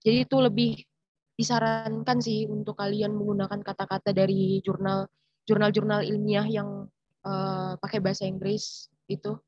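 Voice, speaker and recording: A woman's voice: medium pitch, little pitch movement, normal speed, no echo, dull audio, faint music behind. A young woman from Indonesia answering questions in an online writing class, explaining with lots of fillers and restarts. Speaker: writing workshop mentor. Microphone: video call.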